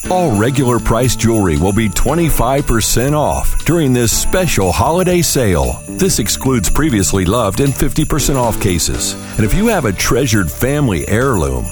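Male radio announcer for a holiday sale ad, lively varied pitch, music bed behind. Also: moderate pace. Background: music, jingle bells.

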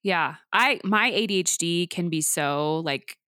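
A woman co-hosting a podcast, chatting casually and leading a calm guided breathing exercise with steady, affirming talk. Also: fairly low pitch, unhurried, dry recording, clean studio sound. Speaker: podcast co-host.

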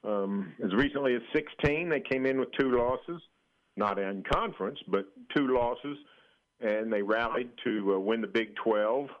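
An American man giving conversational sports analysis as a guest journalist, measured and matter-of-fact, with pauses. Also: medium pitch. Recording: dull band-limited radio call-in sound.

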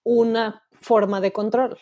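A woman's voice: a little high, level tone, takes it slowly, mellow, highs cut off. A Mexican woman in her thirties, co-hosting a podcast in candid, emotional casual chat, swearing freely. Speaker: podcast co-host.

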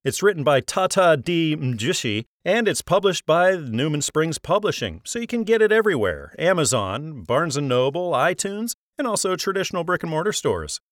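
A male host runs an author interview show in a friendly, promotional manner, asking questions and recommending the books to his listeners. His pitch moves around a lot. The voice sits close on a dry studio mic. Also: big pitch swings, moderate pace, few pauses, dry recording.

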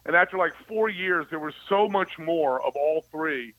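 Guy doing a sarcastic conspiracy-minded political rant, kinda high forceful voice. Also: normal speed, poor audio. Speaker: political talk show commentator. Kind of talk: opinionated political talk.

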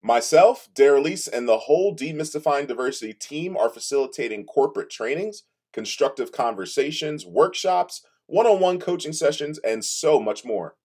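A man's voice: on the high side, animated, normal speed, hardly any pauses, a little mellow. A man reading a scripted podcast promo in an upbeat, salesy way, stressing each item.

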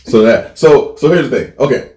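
A man's voice: medium pitch, moderate pace, warm tone. Rambling man telling a story, roomy. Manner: rambling, profane, many restarts. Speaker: podcast co-host. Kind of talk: casual storytelling. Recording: roomy echo.

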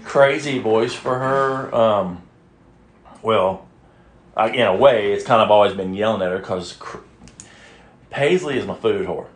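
Podcast host, lowish male voice, rambling and crude, roomy echo. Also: measured pace, pauses often, a little hiss or hum. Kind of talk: casual chat.

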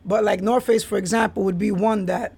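A raspy-voiced man from the Bronx, New York, hosts a solo podcast where he spins stories casually, full of street slang. His voice is high and a little mellow, steady in tone, and he talks a little fast.

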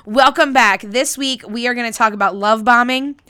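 A woman's voice: on the high side, moderate pace, bright, forceful tone, smooth, dry recording, clean studio sound. A woman hosting a chatty solo podcast in a casual, cheeky, sweary way, her voice nasal and congested as if she has a sniffly nose. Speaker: podcast host.

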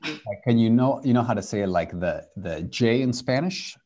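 Husky male French teacher on a video call. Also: medium pitch, expressive, unhurried, a little mellow. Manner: switches between French and English, drills repetition. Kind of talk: live group language lesson over video call.

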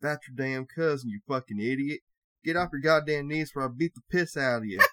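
A man voicing an angry older redneck who yells gruff threats. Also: mid-range voice, level tone, unhurried, dry recording, natural voice. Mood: furious.

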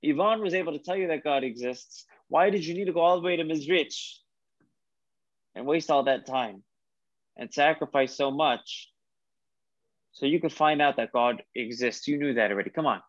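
A man's voice: fairly high pitch, moderate pace, dry recording, muffled recording, close to an everyday voice. A man doing a scoffing skeptical father-in-law. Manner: scoffing, challenging. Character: skeptical incredulous older male father-in-law.

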